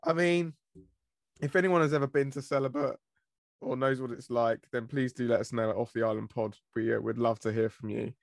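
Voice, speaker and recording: A man's voice: medium pitch, steady tone, a little fast, creaky, no room sound, clean studio sound. A British man from Britain co-hosting a podcast in casual chat, laughing often as he tells stories. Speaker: podcast co-host.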